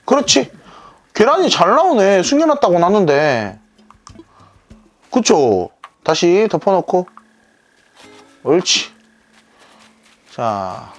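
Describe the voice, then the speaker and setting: Female streamer, chatty and playful, animated pitch, casual gameplay talk. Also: takes it slowly, long pauses, faint music behind. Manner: playful, chatty, talks to viewers. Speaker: game streamer.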